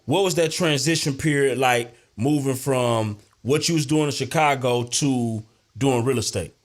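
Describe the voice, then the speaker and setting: Easygoing laughing co-host, man. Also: mid-range voice. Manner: easygoing, quick to laugh and agree. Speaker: podcast co-host. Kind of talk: casual chat.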